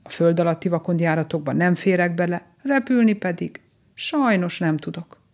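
A woman voicing a gentle, homesick young grey rabbit in a storybook reading, speaking softly and wistfully. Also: fairly low pitch, lightly acted. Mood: sad. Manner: soft, pleading and wistful.

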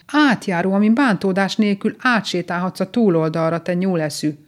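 A woman voicing a jolly old toad in a storybook reading, croaky and unpleasant-sounding, teasing and chuckling as it talks. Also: mid-range voice, natural voice. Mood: mocking. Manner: mocking, chuckling.

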